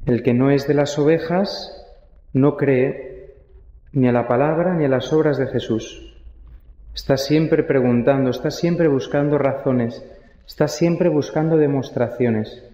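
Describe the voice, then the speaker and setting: A young man with a Spanish accent, preaching a sermon as a priest, reflective, with quiet rhetorical asides. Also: mid-range voice. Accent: Spain. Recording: echoey church, long reverb, dull sound.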